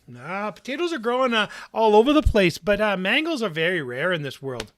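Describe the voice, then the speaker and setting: A man voicing a pushy market shopkeeper who haggles hard in a raised, loud voice. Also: sits high, very animated, a little fast, pitched above the performer's own voice. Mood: haggling. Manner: loud, bartering, dismissive.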